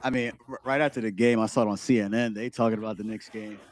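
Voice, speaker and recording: Low-ish voiced guy co-hosting sports chat, keeps restarting his words. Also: fast talker. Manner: stammering restarts, animated. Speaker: podcast co-host.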